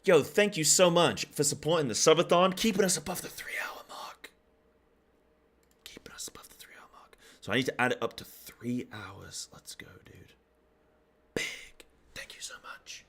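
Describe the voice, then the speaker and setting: A man's voice: a little high, sing-song, normal speed, fairly bright tone, whispered. Hyped-up man streaming live. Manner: hyped, exclaiming thanks to supporters. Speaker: live streamer and esports caster. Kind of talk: casual livestream chat with viewers.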